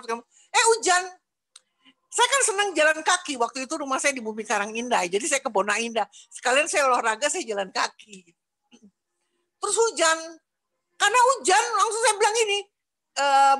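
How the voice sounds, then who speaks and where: High bright older woman. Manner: emotional storyteller, voice rising high when excited. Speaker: church member giving testimony. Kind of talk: personal testimony.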